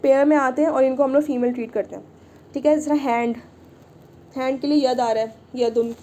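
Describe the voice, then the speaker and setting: A woman's voice: sits high, fairly even intonation, brisk, dark tone, slight background noise. A woman teaching an online Arabic class, patiently repeating and checking in with her students. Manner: patient, repeats "ठीक है" often.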